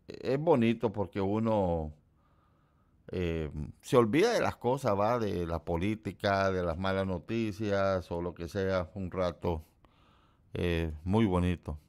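A middle-aged man from Central America hosting a livestream, chatting casually with his viewers and teasing them. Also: a little mellow. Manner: chatty, jokes and teases his chat; quotes people in a put-on high voice. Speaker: livestream host. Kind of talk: casual chat with live viewers.

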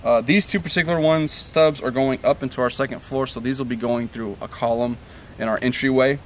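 A man's voice: mid-range voice, a little fast, a little hiss or hum. A man in his thirties giving a casual, step-by-step how-to tour of the plumbing at his outdoor building site, with plenty of ums and uhs. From Tennessee. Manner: relaxed, many ums and uhs, explains step by step. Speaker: DIY home builder.

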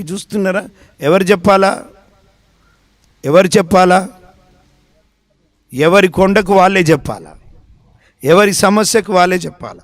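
A man's voice: on the high side, no echo. A man with a Telugu accent preaching a sermon, emphatic, repeating phrases and asking his listeners questions. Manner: acts out short prayers and dialogues in his own voice. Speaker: pastor.

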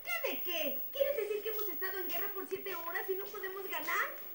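A performer voicing an excitable, petty, mischievous cartoon boy in an exclamatory, indignant manner. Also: very high-pitched, fairly quick. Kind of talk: animated comedy dub acting. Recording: echoey distant playback with loud crowd noise.

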